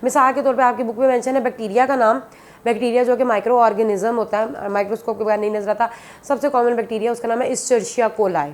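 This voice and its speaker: High-voiced woman teaching biology. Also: fairly even intonation, quick pace, darkish tone. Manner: repetitive, explanatory, calls students "beta". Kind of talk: classroom lecture.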